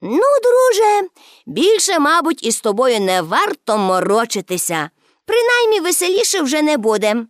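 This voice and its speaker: A woman voicing a bold, cheerful, strong young girl in a high, playful voice. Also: wildly swooping pitch, normal speed, dry recording, studio quality. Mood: cheeky. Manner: high, bright, cocky and playful.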